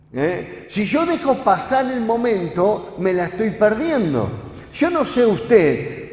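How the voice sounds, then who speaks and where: A man's voice: sits high, darkish tone. A man preaching a sermon, talking conversationally and often asking the congregation questions. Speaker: pastor. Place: church hall. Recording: echoey church hall with long reverb.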